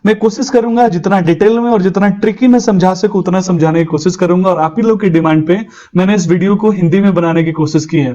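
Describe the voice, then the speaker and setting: Male tutor, high voice, energetic coaching tone, slightly dull lo-fi recording. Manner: energetic, coaxing, mixes in English phrases slowly spelled out. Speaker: engineering tutor. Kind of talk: explanatory lesson for interview prep.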